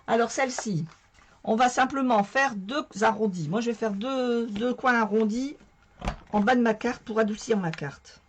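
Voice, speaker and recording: Hoarse woman, casual craft tutorial host, chatty and self-deprecating, faint noise behind. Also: on the high side, moderate pace. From northern France. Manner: chatty, talks to viewers while working, self-mocking. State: hoarse from a sore throat.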